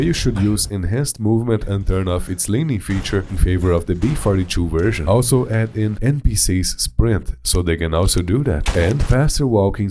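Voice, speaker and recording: Deep-voiced deadpan gameplay narrator. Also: male voice, slight background noise. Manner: deadpan, dry sarcastic humor. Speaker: gaming video narrator. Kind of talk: sardonic gameplay voice-over. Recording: game music underneath.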